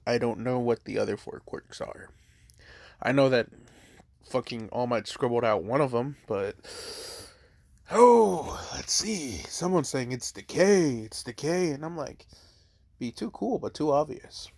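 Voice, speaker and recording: A man's voice: medium pitch, expressive, slow, vocal fry, darkish tone, no room sound. Rambling man telling a fan story. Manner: rambling, lots of "like", swears, talks while eating. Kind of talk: casual fan-story narration.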